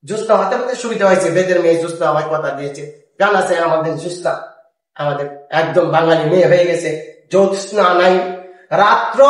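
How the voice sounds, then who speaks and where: Lively man lecturing in an echoey room. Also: sits high. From Bangladesh. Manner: lively lecturing, chants word lists in slow rhythm. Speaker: grammar teacher. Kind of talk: recorded grammar lesson. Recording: echoey room, mic far off.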